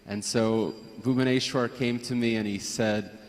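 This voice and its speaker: A man's voice: mid-range voice, steady tone, a little slow. Man chuckling through fond memories, reverberant. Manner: chuckling, affectionate storytelling. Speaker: devotee sharing memories at a memorial gathering. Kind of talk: reminiscing anecdotes. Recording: long reverb.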